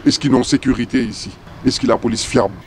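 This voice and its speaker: Disguised man, pitch-lowered filter, Mauritian accent. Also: fairly even intonation, darkish tone, a little hiss or hum. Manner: halting, broken French with repeated words. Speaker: interviewed police informant. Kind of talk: news interview.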